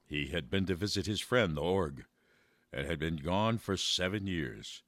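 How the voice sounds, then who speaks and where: A man reading a children's story aloud in a measured way, slowing down for verse. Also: low-pitched, animated, a bit bright, dry recording, studio quality.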